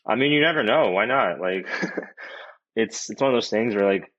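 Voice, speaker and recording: A man's voice: on the low side, expressive, moderate pace, a bit bright. A man in his twenties, a hockey player guest, chatting in a laid-back, rambling way full of "like" and "you know". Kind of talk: casual interview chat. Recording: dull, lo-fi audio.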